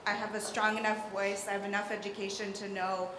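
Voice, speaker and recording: Brisk and with little pitch movement, a young woman in the audience at a public event makes a long, hedging, rambling comment in a mid-range voice. The recording carries the echo of a large hall and faint room noise.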